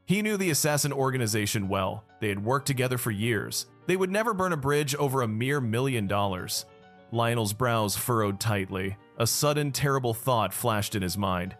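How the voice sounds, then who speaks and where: A man narrating a dramatic story recap in the first person. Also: medium pitch.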